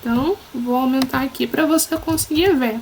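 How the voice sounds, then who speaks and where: A woman's voice: high-pitched, a little fast, darkish tone, a little hiss or hum, poor audio. A woman teacher with a Brazilian Portuguese accent giving a recorded lesson to children, patient and encouraging, often checking that they follow.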